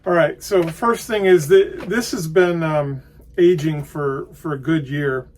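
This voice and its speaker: Slow, hesitant higher-voiced man reviewing. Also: darkish tone. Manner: hesitant, halting, thinking aloud. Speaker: pipe tobacco reviewer. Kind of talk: casual unscripted product review.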